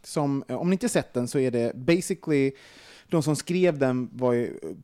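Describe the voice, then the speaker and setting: A young man hosting a casual podcast chat, talking in an animated way with many fillers and some swearing when worked up. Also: mid-range voice. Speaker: podcast host.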